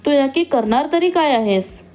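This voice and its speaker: A woman voicing a gentle, anxious young wife who talks in a pleading way. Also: high-pitched, animated, moderate pace, pitched above the performer's own voice.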